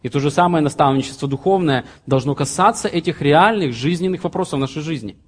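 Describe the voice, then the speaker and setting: A man's voice: a little high, quick pace. A man in his late thirties preaching a sermon, earnestly reading scripture and explaining it with plain everyday examples. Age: 30s. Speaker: pastor.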